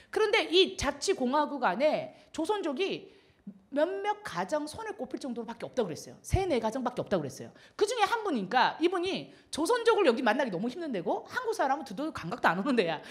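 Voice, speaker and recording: A middle-aged woman missionary preaching to a congregation, her voice high and swooping widely as she acts out conversations. She talks quickly and laughs often between her lines. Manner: animated storytelling, acts out dialogue, laughs often. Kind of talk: sermon with storytelling.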